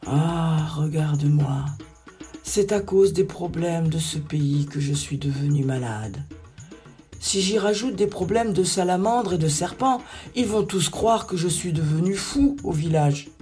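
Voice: mid-range voice, measured pace, dark tone, faint music behind, lightly acted. A narrator as a weary, sick old village chief. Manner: weary, resigned.

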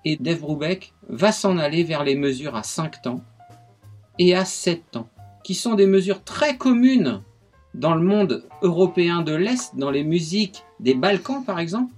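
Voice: mid-range voice, animated, measured pace, darkish tone, soft background music. A radio guest explaining jazz rhythms, speaking patiently with many hesitations and counting beats aloud.

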